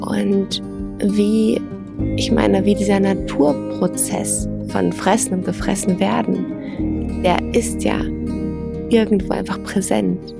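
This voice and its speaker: A woman reading a story aloud and then reflecting gently as host, soft-spoken and unhurried, in a yoga studio. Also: mid-range voice, fairly even intonation, vocal fry, over loud music.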